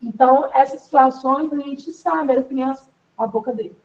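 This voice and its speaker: High-voiced woman teaching, rambling. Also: normal speed, a little mellow, distant mic, muffled recording. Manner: chatty, rambling with many fillers. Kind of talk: online class lecture.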